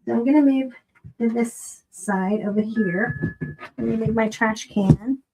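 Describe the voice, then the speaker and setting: Woman craft host, slightly high voice, casual hands-on chatter for a home tutorial. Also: a little slow, background noise. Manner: chatty, talks to viewers while working hands-on.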